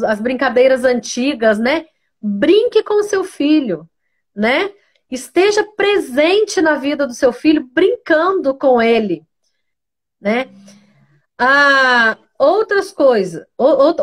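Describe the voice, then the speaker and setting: A woman, a pedagogue, giving parenting advice in a live-streamed interview, often tagging her sentences with a questioning "né" and pausing to greet viewers by name. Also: sits high, expressive. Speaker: pedagogue guest.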